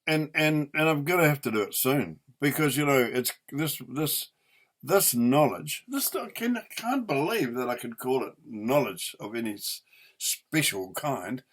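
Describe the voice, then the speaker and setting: Indignant older New Zealand man ranting, pitch swinging. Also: expressive, fairly bright tone, breathy edge. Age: older, eighties. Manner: indignant, emphatic, sweary, with drawn-out stressed words. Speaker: opinionated vlogger. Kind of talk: unscripted angry rant.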